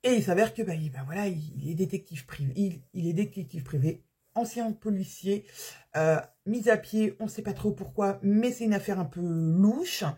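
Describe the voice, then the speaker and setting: Husky french-speaking lady rambling about her reads, lots of euh and restarts. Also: medium pitch, moderate pace, dark tone. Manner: hesitant, many fillers and restarts, self-correcting. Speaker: book podcaster. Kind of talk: casual book review chat.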